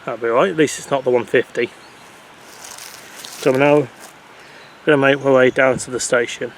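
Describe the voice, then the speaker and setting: A man talks in a chatty, rambling way to a handheld camera, his voice sitting at an ordinary middle pitch. He is outdoors, with a faint hum of wind and distant traffic under his voice. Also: fairly even intonation, normal speed. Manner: chatty, rambling, self-correcting. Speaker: travel vlogger. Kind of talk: casual walking vlog commentary. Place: outdoors in countryside and on a rail platform. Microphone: handheld camera mic. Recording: faint outdoor background noise.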